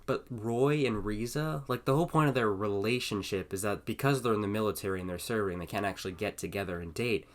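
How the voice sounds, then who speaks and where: A man's voice: fairly low pitch, quick pace, hardly any pauses. A young man reading fan fiction aloud and commenting on it in a rambling, exasperated way. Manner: rambling, exasperated, filler-heavy. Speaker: video host reading fanfiction.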